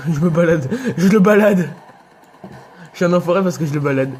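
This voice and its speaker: A young man giving excitable let's play commentary, yelping and laughing at enemies. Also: on the high side, rapid-fire, slight background noise. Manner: excitable, shouts and yelps at enemies, laughs often. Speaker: gaming youtuber.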